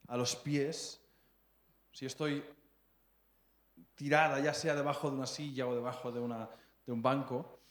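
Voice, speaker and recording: Echoey Spanish-accented male preacher. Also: medium pitch. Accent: Spain. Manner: conversational, often checks in with the congregation; stumbles and repeats words while searching for phrasing. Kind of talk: sermon. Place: church hall. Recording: echoey church hall.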